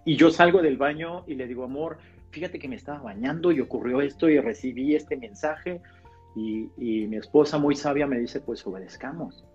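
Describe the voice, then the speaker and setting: A man who is a pastor, sharing a personal testimony in a casual podcast conversation, animated and acting out the dialogue. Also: fairly high pitch, breathy edge. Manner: animated storyteller, acts out dialogue. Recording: slightly dull podcast audio with faint guitar music.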